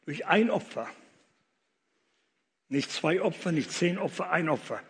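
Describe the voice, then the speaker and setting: A man preaching a sermon from the front of a church, his voice sitting fairly high. He alternates between loud, emphatic declarations and hushed, intimate prayer. The recording carries a long reverb from the church space. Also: lively intonation, measured pace, slight background noise. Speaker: pastor.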